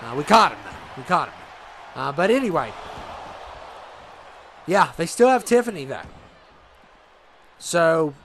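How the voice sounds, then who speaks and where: High-voiced man ranting over wrestling game. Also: big pitch swings, measured pace, pauses often, fairly bright tone, a little hiss or hum. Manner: indignant ranting, mock outrage, repeats himself. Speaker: commentator of a video game wrestling league. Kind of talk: game commentary.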